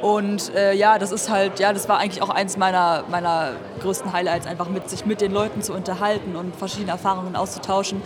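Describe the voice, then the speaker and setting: A young woman answers interview questions casually, hesitating with lots of fillers and light giggles. A loud crowd murmurs behind her. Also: mid-range voice, level tone, a little fast, hardly any pauses. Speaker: festival participant. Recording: crowd chatter at a busy event.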